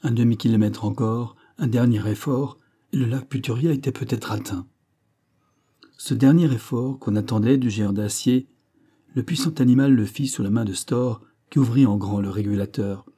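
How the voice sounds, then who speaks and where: A man narrating a classic adventure novel as an audiobook, in a steady, measured storytelling manner. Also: mid-range voice, husky.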